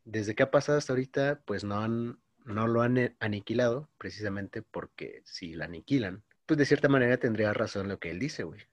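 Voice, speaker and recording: A man in his twenties with a Mexican Spanish accent tells a long story in casual slang. His voice sits fairly low. The sound is dry and close, with no room around it. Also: a little fast, few pauses, no room sound. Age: 20s. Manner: slangy, says "güey" constantly, storytelling. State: coughing. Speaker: podcast co-host. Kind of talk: casual chat.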